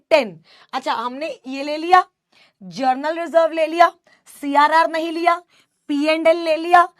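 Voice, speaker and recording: A woman's voice: sits high, fairly bright tone, no room sound, clean studio sound. A young woman teaching a live online class, mixing Hindi and English, affectionate yet scolding as she answers student doubts.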